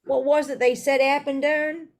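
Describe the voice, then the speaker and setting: Stan Shunpike, a woman doing a loud gossipy young bus conductor. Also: high-pitched, flat delivery, normal speed, pitched above the performer's own voice. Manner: loud chattering gossip, dramatic.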